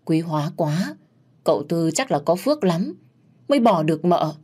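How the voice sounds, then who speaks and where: A woman voicing a bold young servant woman who answers with quick, cutting retorts. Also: fairly low pitch, animated, a little mellow, breathy edge.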